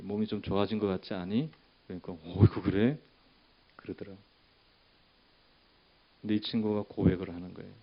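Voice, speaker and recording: Pastor preaching with rising fervor, dull recording. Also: male voice, on the low side, little pitch movement, a little fast, long pauses. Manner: conversational storytelling that builds to loud emphatic declarations. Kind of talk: sermon.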